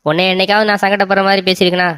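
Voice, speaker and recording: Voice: mid-range voice, level tone, rapid-fire, fairly bright tone, clean tone, no echo, studio quality, natural voice. A voice actor playing a doting young husband in a cartoon comedy, coaxing and sweet-talking his wife.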